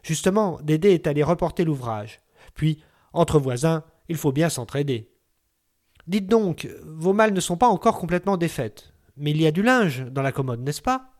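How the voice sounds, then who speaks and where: A brusque old neighbor woman, voiced by a man reading a story, bossing everyone around with gruff authority in a raised, higher voice. She scolds and fusses at length and never softens into sweetness. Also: animated, normal speed, lightly acted. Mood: scolding. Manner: brusque, bossy and fussing.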